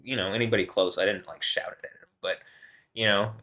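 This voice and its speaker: A deep-voiced man vlogs solo to camera, rambling and swearing, often chuckling and letting sentences trail off. He talks quickly in a steady tone that sounds pushed and bright.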